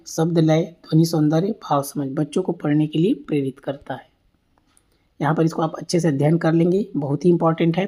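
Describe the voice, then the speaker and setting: Low-voiced woman teaching a lecture. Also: mellow, breathy edge. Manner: asks and answers her own questions, repeats key points. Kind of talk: exam-prep lecture over slides.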